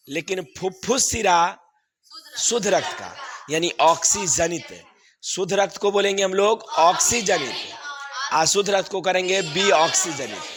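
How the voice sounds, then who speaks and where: A man's voice: high voice, fairly bright tone, a little hiss or hum. A man, teaching a class and going over exam answers, repeating questions and laughing often.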